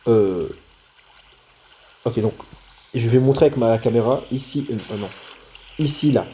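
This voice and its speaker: A man narrates his own moves while he plays a video game, thinking aloud and joking with his viewers. His voice sits at a mid pitch and comes through a desktop mic with a faint hum behind it. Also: unhurried, warm tone. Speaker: gaming video creator. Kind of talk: let's play commentary.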